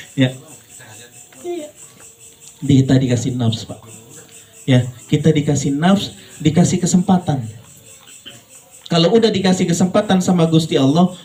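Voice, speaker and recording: Speaking straight to the congregation, a male Islamic preacher gives a jokey, spirited sermon that swings from playful high-pitched voices to low, serious ones. The audio is poor.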